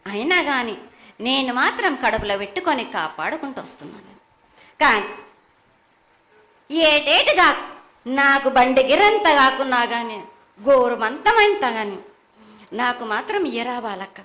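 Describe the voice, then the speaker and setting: Woman oracle, prophetic trance voice, Telangana accent, animated swooping pitch, commanding, dull lo-fi recording. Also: unhurried, pauses often. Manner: insistent, commanding, repetitive, addressing devotees as children. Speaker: oracle speaking as the mother goddess. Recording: dull lo-fi sound.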